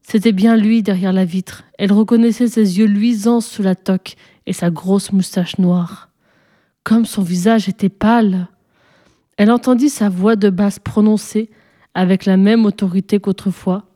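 Mellow-voiced woman reading a folk tale. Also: medium pitch, measured pace. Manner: expressive, dramatic pacing, hushed at tense moments. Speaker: storyteller. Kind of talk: scripted story narration.

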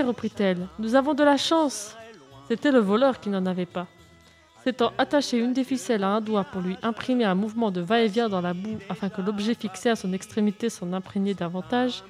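Woman narrating a children's story. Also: mid-range voice. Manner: steady, clear reading aloud.

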